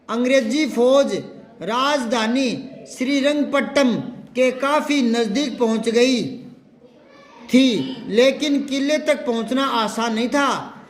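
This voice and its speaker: A man teaching a Hindi grammar lesson, repeating words and firing questions at his students to drill them. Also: very high-pitched.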